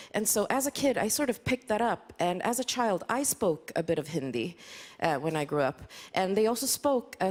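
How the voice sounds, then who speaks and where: A woman from Sweden delivers a stand-up set live, her medium-pitched voice carrying a darkish tone. Her style is dry and self-deprecating, peppered with little hesitations, while the audience faintly laughs and applauds.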